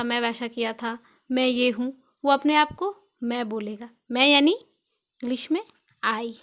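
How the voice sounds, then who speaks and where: A woman's voice: high voice, a bit bright. A young Indian woman teaching English grammar in a video lesson, patiently repeating each point with examples.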